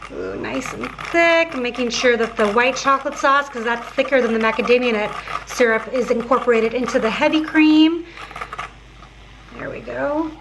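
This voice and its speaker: High-voiced woman with a slight lisp. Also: normal speed, noisy background. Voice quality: slight lisp from dental aligners. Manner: chatty, addresses viewers as guys, many fillers like 'like'. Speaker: cooking vlogger. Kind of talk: casual kitchen vlog chat.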